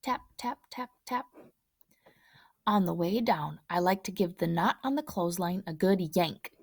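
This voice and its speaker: A woman reading a children's picture book aloud in a gentle, hushed storytelling voice. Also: lowish voice, normal speed, vocal fry, breathy edge, dry recording, studio quality. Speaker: storybook reader.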